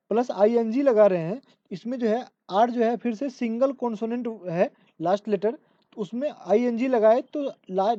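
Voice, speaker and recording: Woman teacher, mellow voice, going over rules again n again, muffled dry audio. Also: a little high, no echo. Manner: repetitive step-by-step explaining, reads English rules out slowly. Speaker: English grammar teacher. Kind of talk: exam-prep lesson. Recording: dull lo-fi dry recording.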